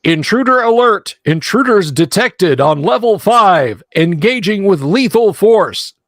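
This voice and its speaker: A man's voice: sits high, animated, measured pace, fairly bright tone, no echo, studio quality, voice pushed up, exaggerated voice. A man, the game master, voicing a menacing robotic security unit with a metallic voice that blares clipped alarm announcements. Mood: alarmed, commanding.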